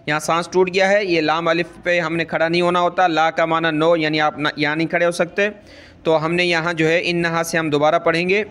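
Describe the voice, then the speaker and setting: A man with a Pakistani Urdu accent teaching Quran recitation, chanting verses slowly and melodically, then explaining pronunciation rules at a brisk pace. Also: a little high, level tone, a bit bright, clear, resonant tone. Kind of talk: tajweed lesson, slow chanted recitation alternating with quick explanation.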